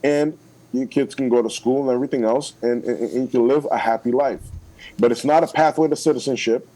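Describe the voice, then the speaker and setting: A man's voice: mid-range voice, fairly even intonation, brisk, dark tone, rough recording. A man, a political candidate, making his case in a radio interview, emphatic and persuasive, checking in with "okay?" again and again.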